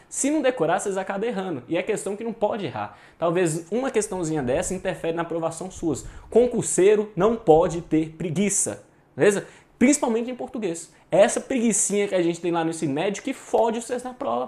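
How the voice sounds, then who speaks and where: A man's voice: sits high, animated, quick pace, darkish tone. Brazilian man teaching, informal and emphatic. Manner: informal and emphatic, with slang and swearing; drills points by repeating them. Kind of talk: online exam-prep lecture.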